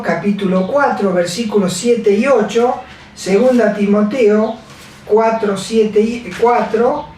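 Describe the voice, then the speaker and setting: Echoey, halting woman preaching from afar. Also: medium pitch, a little mellow, slight background noise. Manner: halting, repeats scripture references, many fillers. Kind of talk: sermon. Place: large echoey church hall. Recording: very echoey hall from far off.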